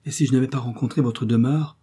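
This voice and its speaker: A man's voice: medium pitch, fairly even intonation, fast talker, mellow, breathy edge, voice pushed up, close to an everyday voice. A man voicing a charming young woman who pleads and teases playfully. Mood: coaxing. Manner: coaxing, pleading, teasing.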